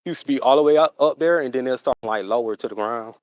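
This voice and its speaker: A man hosting a livestream talks casually in a mid-range voice, drawn-out and rambling, full of fillers and "you know what I'm saying." The recording is muffled, with no echo.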